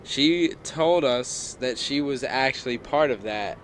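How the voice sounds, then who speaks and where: A man's voice: mid-range voice, slow, a little hiss or hum. A young man co-hosting a casual podcast, rambling through a hiking story and acting out quoted voices. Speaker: podcast co-host. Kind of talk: casual chat.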